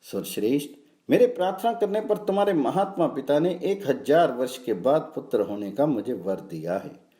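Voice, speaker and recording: A devout, imploring mother goddess of scripture speaks with earnest pleading, as a man reads her lines. The voice swings through a wide, lively pitch range on a mellow, warm tone. A roomy echo surrounds it. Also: normal speed, lightly acted. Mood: tender.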